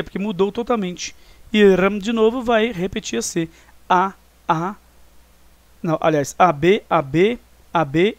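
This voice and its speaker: This high-pitched man, recorded dry, walks through a review lesson one step at a time with a Brazilian Portuguese accent. He counts the syllables out loud as he goes.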